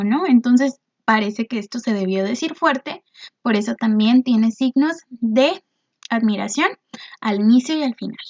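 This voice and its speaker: A woman teacher explaining a video lesson patiently, often checking with "¿no?" and filling pauses with "este". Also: high voice, a little mellow, lo-fi sound. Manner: frequent "este" fillers.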